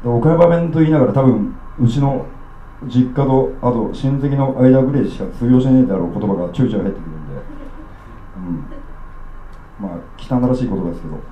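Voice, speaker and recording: A man from Okayama performing his own poetry live, with rough, streetwise declamation. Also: medium pitch, fairly quick, reverberant, muffled recording, slight background noise. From Okayama, Japan. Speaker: spoken-word poet. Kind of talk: live spoken-word poetry reading.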